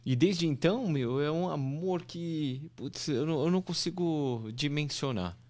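A man's voice: on the high side, measured pace. A man, a podcast guest telling a heartfelt story in a casual, emotional way. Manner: animated, emotional, repeats "meu" and "pô".

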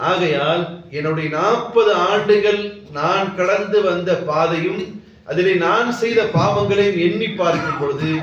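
A man's voice: on the high side, natural voice. A man voicing an aged, humble, remorseful governor. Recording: echoey hall, distant mic, dull lo-fi sound.

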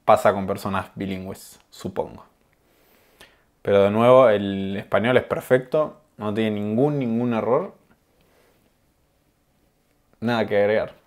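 A man, calmly explaining usage over video clips. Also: on the low side, a little slow, long pauses. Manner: calm, explanatory, amused. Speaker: Spanish teacher.

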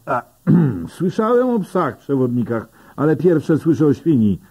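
A man doing a loud, blustering city cop. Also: fairly high pitch, sing-song, a little slow, creaky, slightly rough, voice pushed up, full character voice. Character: gruff suspicious male city policeman, blustering.

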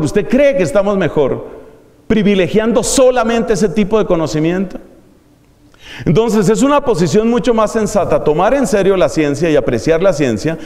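High-voiced priest lecturing with irony. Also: male voice, dark tone. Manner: ironic, rhetorical questions to the audience. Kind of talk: university lecture. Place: university lecture hall. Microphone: microphone. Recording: long hall reverb.

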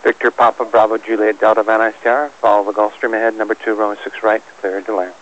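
A man's voice: fairly low pitch, little pitch movement, fast, a bit bright. A man working as an airport tower air traffic controller, giving clipped instructions over air band radio. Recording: muffled radio with faint static.

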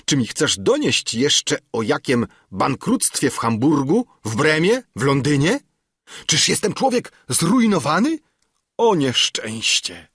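A pompous, easily frightened old councillor, played by a man in a storybook reading, his voice jumping high into shrill, indignant outbursts. The pitch swings widely over a husky edge, in a dry room. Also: very animated, slow, fairly bright tone, no room sound, full character voice. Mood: alarmed, indignant.

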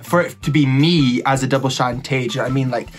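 A young man doing a drag queen makeup tutorial chats in a camp, gossipy, slangy manner. His medium-pitched voice is fast and steady in tone. He's at a small indoor setup before a cloth backdrop, with background music.

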